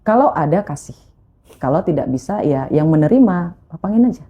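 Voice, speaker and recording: A woman's voice: sits low, a little fast, breathy edge, highs cut off. A woman guest in a casual interview, telling her own story with emotion and acting out the voices of the people in it. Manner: emotional, animated retelling with quoted voices.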